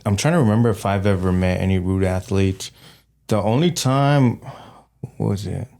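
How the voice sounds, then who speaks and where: Man, low voice, easygoing podcast host, lots of "like" and "uh". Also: normal speed, vocal fry. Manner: relaxed, rambling, filler-heavy. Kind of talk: casual podcast interview.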